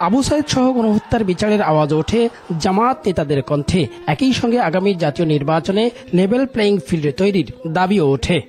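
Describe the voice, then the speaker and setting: Male news reporter, formal scripted voice-over, higher register. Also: brisk. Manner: steady formal news reading.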